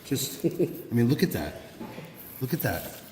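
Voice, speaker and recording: Excitable man hyping pizza in an echoey hall. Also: mid-range voice, measured pace. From New Jersey. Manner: excitable, hyping, loud bursts of praise. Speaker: pizza reviewer host. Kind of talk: enthusiastic food vlog tasting. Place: hotel press room, indoors. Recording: echoey hall with faint background noise.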